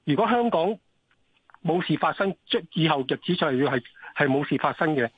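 A man with a Hong Kong Cantonese accent calling in to a radio talk show, halting and repeating himself as he makes his point. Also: fairly high pitch, lively intonation, husky, dry recording. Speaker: radio phone-in caller. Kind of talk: casual call-in talk. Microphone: telephone. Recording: dry phone-line audio.

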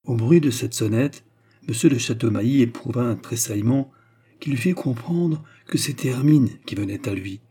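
A man reading a classic novel aloud as narrator, in a measured, expressive storytelling manner. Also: mid-range voice, husky. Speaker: audiobook reader.

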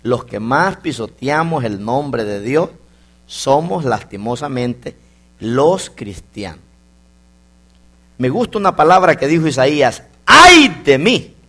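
A male preacher delivers an animated sermon. His voice sits high and moves widely, rising to loud exclamations and sinking into quiet asides.

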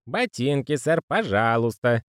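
A male reader voicing a fussy, pious old postman who speaks in a raspy, wheezy whisper and keeps saying sir. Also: mid-range voice, sing-song, unhurried, no echo, clean studio sound, voice pushed up. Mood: fussy, earnest. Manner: deferential, says sir constantly. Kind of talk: audiobook character voicing.

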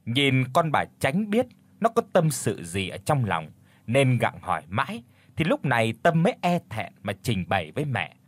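Husky man narrating a ghost story. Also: mid-range voice, wildly swooping pitch, moderate pace, no room sound. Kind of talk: scripted horror story narration.

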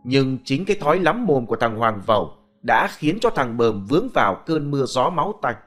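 A male storyteller narrating a folk ghost story, his pitch rising and falling in a lively way. Faint music plays under the reading. His voice sits at a middle pitch. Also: normal speed. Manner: expressive, animated storytelling.

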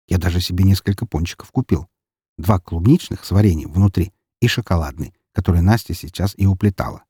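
A man's voice: on the low side, warm tone, breathy edge, no room sound. A man narrating a first-person audiobook in a dry, wry storytelling manner.

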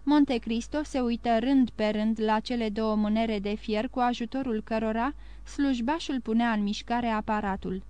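A woman narrates an audiobook in an even, measured way. Her voice is fairly high and very smooth and clear. It is recorded close and completely dry. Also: no room sound. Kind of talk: scripted narration.

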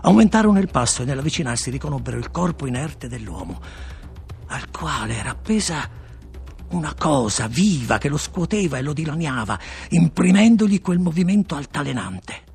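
A man reading a literary story aloud as an audiobook narrator, in a gravelly, husky voice with expressive, dramatic delivery. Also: mid-range voice, fairly quick, faint music behind. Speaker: audiobook reader.

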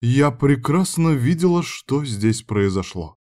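A man reading an audiobook, voicing a stern female hostess who gives cold commands and later turns smoothly apologetic. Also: mid-range voice, expressive, measured pace, darkish tone, voice pushed up, lightly acted.

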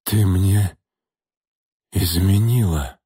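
A man reading an audiobook, voicing a jealous, cowardly old man who is hoarse and out of breath. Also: medium pitch, animated, slow, darkish tone, no echo, clean studio sound. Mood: stunned. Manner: wheezing, despairing.

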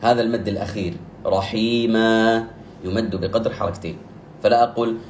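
A man teaching the rules of Quran recitation. He explains methodically, repeats key terms, corrects errors firmly, and chants examples with long drawn-out vowels. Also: fairly low pitch, steady tone, a little mellow. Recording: echoey room with faint background noise.

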